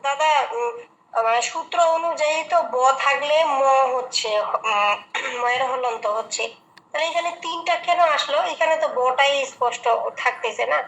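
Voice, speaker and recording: A woman with a high, bright voice asking questions in an online class over a video call. She hesitates and fills pauses as she works out her question. The sound has a roomy echo and a faint hiss behind it. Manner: hesitant, with fillers while asking. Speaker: student.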